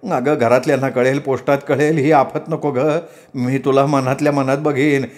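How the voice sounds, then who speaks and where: A man's voice: medium pitch, flat delivery, normal speed, darkish tone, close to an everyday voice. A man playing a shy, fussy middle-aged clerk who frets and protests in a proper, nervous way, with a Marathi accent. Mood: fretful.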